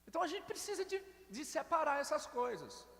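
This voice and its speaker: A Brazilian pastor delivers an evangelical sermon in a high, lively voice that leaps up and down as he tells his stories. He keeps calling out to the brothers in the pews. The sound carries a long reverb from the church hall. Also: brisk. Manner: storytelling, addresses congregation as brothers.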